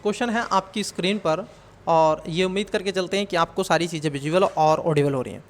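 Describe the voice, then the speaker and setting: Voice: medium pitch, brisk. Coaching teacher, fatherly tone, rhetorical questions, exam question walkthrough. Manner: fatherly, calls students child, asks and answers own questions.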